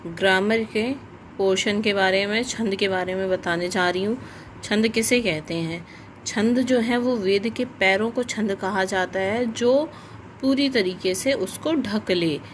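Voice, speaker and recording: A woman teaching a grammar lesson to children, explaining slowly and repeating each definition. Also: medium pitch, a little hiss or hum.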